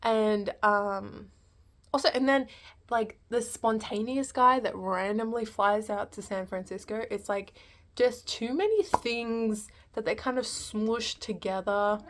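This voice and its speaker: A woman's voice: medium pitch, slight background noise. A woman giving a casual, unscripted film review, hesitant and rambling as she thinks aloud.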